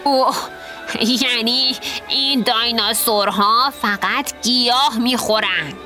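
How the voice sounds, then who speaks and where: A woman's voice: fairly high pitch, bright, forceful tone. A woman voicing a young boy dinosaur who patiently explains things, reading storybook dialogue over music. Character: young boy dinosaur, curious know-it-all. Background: background music.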